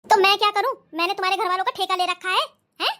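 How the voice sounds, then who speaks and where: A woman's voice: very high-pitched, fast talker, bright, forceful tone. A woman voicing an impatient young husband in a cartoon, scolding his wife with sarcasm. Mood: irritated. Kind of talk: cartoon voice acting.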